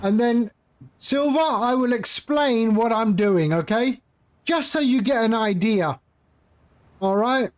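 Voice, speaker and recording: A slow, mid-range voice belongs to a flight simulator streamer doing casual live commentary. He chats with viewers, explaining things patiently and repeating phrases.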